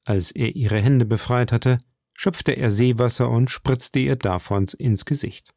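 A man reading a classic adventure novel aloud in slow, measured scripted narration. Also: mid-range voice, vocal fry, darkish tone, no room sound, clean studio sound. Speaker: audiobook narrator.

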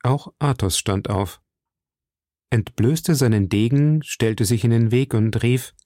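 A man reading a classic novel aloud as narrator in a slow, deliberate manner. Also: mid-range voice, dark tone, no echo, studio quality. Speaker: narrator, audiobook reader.

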